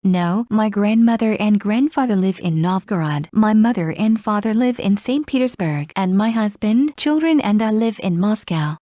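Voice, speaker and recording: Woman reading slow English drills. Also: mid-range voice, expressive, warm tone, no room sound. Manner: slow, clear drill delivery. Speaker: English practice reader. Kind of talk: scripted dialogue reading. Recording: muffled lo-fi recording.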